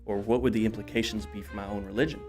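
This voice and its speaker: A man hosting a casual talk show alone, energetic and rambling with many fillers, out of breath and coughing. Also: lowish voice, very fast, faint music behind.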